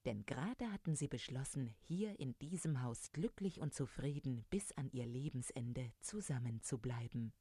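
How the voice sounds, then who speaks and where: A woman narrating a fairy tale with a low, dark, mellow voice in calm storytelling. The recording is close and dry with no room sound. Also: moderate pace, few pauses, slightly rough, no room sound.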